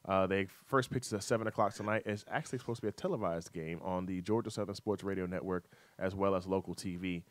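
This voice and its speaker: Hosting a sports talk radio show, a man with a lower voice reads out scores and game schedules, filling gaps with "uh" and teasing his co-host in light, chatty banter. He talks fast with few pauses, captured dry and close on a studio mic with no room sound.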